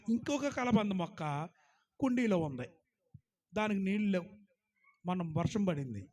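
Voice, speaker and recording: Male pastor, high voice, sermon delivery with call-and-response, swings from loud scripture to hushed storytelling. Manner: preaching with call-and-response, asks the congregation to praise loudly; surges loud on scripture, drops low and quiet for anecdotes.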